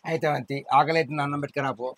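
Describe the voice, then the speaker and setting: A man playing a young farmer who tries to calm his angry wife. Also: on the high side, racing, husky, dry recording. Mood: pleading. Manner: placating, exasperated. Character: young village farmer caught between wife and family. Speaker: husband and younger brother in a village short film. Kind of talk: village family drama acting.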